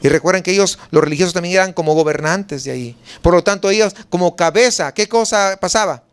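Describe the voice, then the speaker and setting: High-voiced Mexican pastor preaching. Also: male voice, fast talker, clear, resonant tone. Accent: Mexican Spanish. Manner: rhetorical questions answered himself, emphatic preaching. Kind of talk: sermon.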